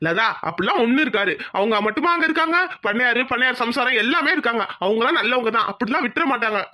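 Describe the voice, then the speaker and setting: Woman voicing a brisk, soothing village husband. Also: on the high side, animated, bright, forceful tone. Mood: reassuring. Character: calm reassuring village husband, middle-aged man.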